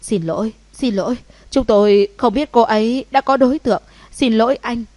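A woman voicing a scared young male thug who pleads in a rushed voice in an audiobook. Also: fairly high pitch, dark tone, dry recording, close to an everyday voice. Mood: groveling.

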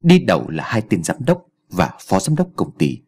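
Husky, expressive male storyteller. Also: deep voice, moderate pace. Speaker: audiobook narrator. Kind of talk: scripted story narration.

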